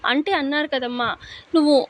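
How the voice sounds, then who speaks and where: A woman's voice: high voice, fairly quick, natural voice. A woman voicing a hurt, anxious older mother who pleads and worries. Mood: worried.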